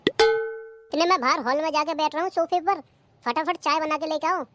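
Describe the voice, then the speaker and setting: A performer voicing an idle, demanding young husband in a cartoon comedy. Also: male voice, extremely high pitch, moderate pace, loud music behind the voice. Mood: exasperated.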